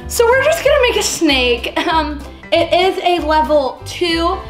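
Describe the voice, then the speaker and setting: A woman hosting a playful children's church video segment, chatty and goofy, with lots of ums and pauses. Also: extremely high pitch, very animated, faint music behind. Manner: goofy, chatty, hesitant with fillers. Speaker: children's ministry video host. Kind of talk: playful kids' show segment. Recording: echoey room.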